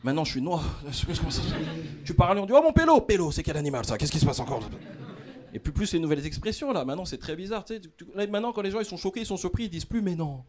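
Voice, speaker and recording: A man's voice: fairly high pitch, very fast, darkish tone. A man doing a stand-up routine on a comedy club stage, playfully addressing the audience. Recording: live club audience laughter.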